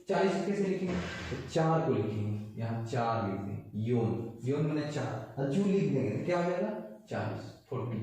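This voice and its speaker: A man teaching a class as a language teacher. He asks questions and answers them himself, and he repeats each word slowly. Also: fairly high pitch, a little mellow. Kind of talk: classroom lesson. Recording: echoey, mic far off.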